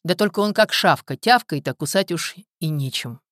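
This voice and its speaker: A woman voicing a calm, stern male village hunter in an audiobook, speaking in a gruff, level, commanding way. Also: low-pitched, normal speed, dry recording, studio quality. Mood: reassuring.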